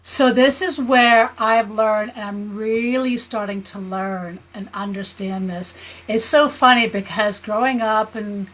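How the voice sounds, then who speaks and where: Guesting in a conversational interview, a spiritual healer and teacher from the US, a woman in her fifties, explains herself earnestly and keeps checking for agreement. Her voice is mid-range, unhurried and a bit bright, and the recording is rough.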